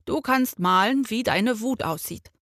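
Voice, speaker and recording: A woman voicing a calm, gentle fox father who speaks softly in a children's story. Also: on the high side, unhurried, no echo, clean studio sound. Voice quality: soft and quiet.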